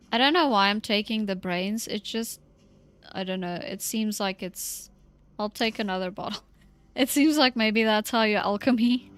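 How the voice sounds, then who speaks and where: A woman's voice: mid-range voice, fairly bright tone. A woman streaming a game in casual, chatty commentary, talking to herself, giggling and trailing off mid-thought.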